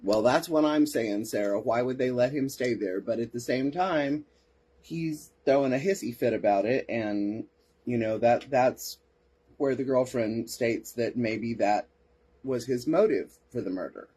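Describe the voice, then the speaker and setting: A man's voice: mid-range voice, a little slow, warm tone, husky. A man hosting a podcast, reading case reports aloud and breaking off for sarcastic asides and replies to listeners. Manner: sarcastic asides, answers chat comments. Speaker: podcast host.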